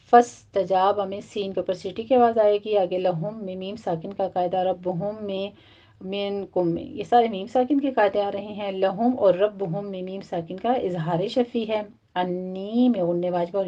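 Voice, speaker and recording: A woman teaching Quran recitation rules step by step, and reciting verses in a slow, drawn-out chant. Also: medium pitch, mellow. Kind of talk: tajweed lesson, explaining rules and reciting verses. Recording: dull, muffled lo-fi audio.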